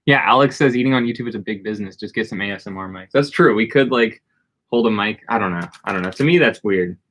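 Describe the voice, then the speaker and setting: A man's voice: fairly low pitch, quick pace, fairly bright tone. A man co-hosting a casual livestream, rambling and greeting viewers in the chat by name. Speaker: livestream co-host.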